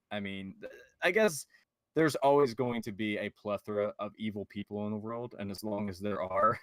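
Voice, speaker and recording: Low-voiced relaxed man chatting. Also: dry recording. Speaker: podcast co-host. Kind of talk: casual chat.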